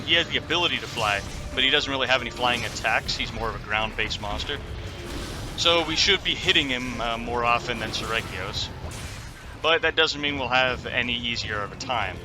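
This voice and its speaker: A man giving casual, opinionated commentary as he plays a video game, with some loose swearing. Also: medium pitch. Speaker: gaming video host. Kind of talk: casual game commentary over live play.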